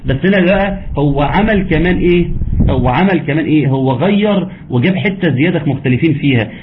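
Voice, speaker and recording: A man with an Egyptian accent teaching Quran recitation rules in an online lesson, explaining patiently and chanting verses slowly. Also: a little high, lively intonation. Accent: Egyptian Arabic. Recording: tinny phone-line audio with faint background noise.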